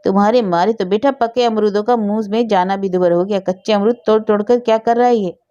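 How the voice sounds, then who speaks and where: A woman's voice: medium pitch, steady tone, fairly quick, dark tone, muffled recording, lightly acted. A woman voicing a quarrelsome old grandmother who nags and scolds. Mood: scolding. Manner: scolding, nagging.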